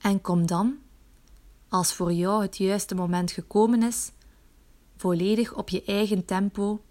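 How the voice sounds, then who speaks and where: A woman narrates a guided muscle relaxation exercise in a soothing, instructive way, gently coaxing the listener along. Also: medium pitch, steady tone, unhurried.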